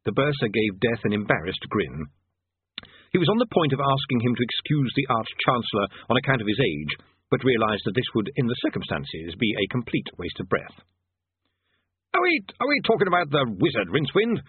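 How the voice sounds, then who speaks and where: A man reading a comic fantasy audiobook as narrator, with expressive scripted delivery. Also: on the low side, a little fast, a little hiss or hum. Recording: band-limited, phone-like audio.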